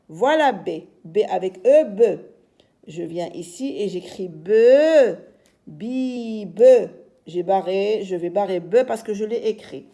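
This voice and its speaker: Slow patient woman teaching children. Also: medium pitch, warm tone. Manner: slow, patient, spells out syllables. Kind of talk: reading lesson for young children.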